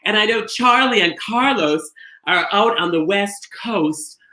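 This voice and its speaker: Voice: medium pitch, lively intonation, unhurried, sharp tone. A performer playing a campy, gushing beauty-queen bingo hostess from Minnesota, with theatrical comic delivery in a bingo caller style. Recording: roomy echo, music behind.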